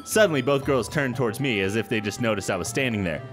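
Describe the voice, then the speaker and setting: A young man with a medium-pitched voice hosts a gaming video, talking fast and animatedly. He rambles informally and reads text aloud during casual let's play commentary while game music plays behind him.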